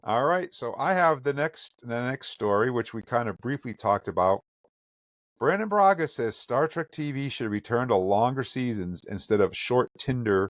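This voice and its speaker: A podcast host runs a fan podcast, chatting casually and reading news articles aloud, quotes included. His voice is medium in pitch, and the recording is dry.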